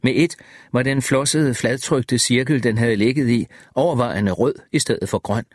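A man narrating a first-person audiobook in a measured, even storytelling manner, slowing down on vivid details. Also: mid-range voice, dry recording, clean studio sound.

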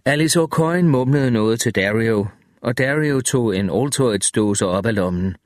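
A man reading an audiobook in steady, measured scripted narration, close to the microphone. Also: medium pitch, no room sound.

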